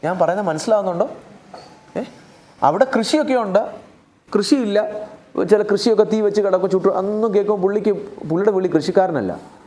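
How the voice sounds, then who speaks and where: A man with a Keralite Malayalam accent preaches a sermon in a fairly high voice. He retells Bible stories in everyday, conversational language. He keeps firing questions at the congregation. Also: brisk, long pauses, mellow. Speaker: pastor.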